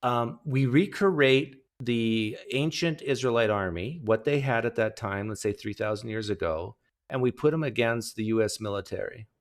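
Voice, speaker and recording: A man hosting a casual online debate call. He talks loosely, with a joking, drawn-out delivery, at an ordinary middle pitch. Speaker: host of an open online hangout.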